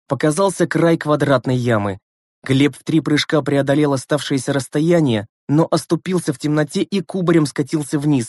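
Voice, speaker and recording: Male audiobook narrator, expressive, slightly high-pitched, dry studio. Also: no room sound. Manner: measured, expressive storytelling. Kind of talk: scripted narration.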